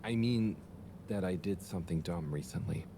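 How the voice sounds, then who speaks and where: A man's voice: low-pitched, normal speed, close to an everyday voice. An actor voicing Harold, an earnest, awkward young man who talks hesitantly, with ambient noise behind him. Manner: hesitant, mumbling, self-conscious. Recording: game audio with ambient noise.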